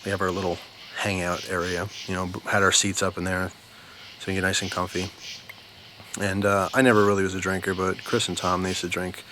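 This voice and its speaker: Low-voiced American man spinning a casual yarn. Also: level tone, bright, forceful tone, a little hiss or hum. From New Jersey, United States. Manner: unhurried, informal, emphatic repetition. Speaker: storyteller, video host. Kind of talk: casual rambling storytelling. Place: outdoors at night near bushes.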